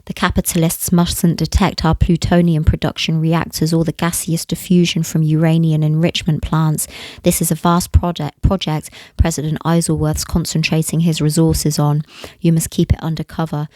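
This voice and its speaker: A woman's voice: low voice, level tone, normal speed, darkish tone, dry recording, close to an everyday voice. A woman voicing a frail, nervous male scientist who explains in an earnest, hesitant way.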